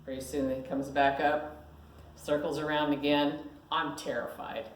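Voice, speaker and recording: Casting note: woman minister, low voice, animated storyteller preaching in an echoey room. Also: unhurried, slight background noise. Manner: animated storyteller, laughs at herself. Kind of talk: sermon with personal storytelling.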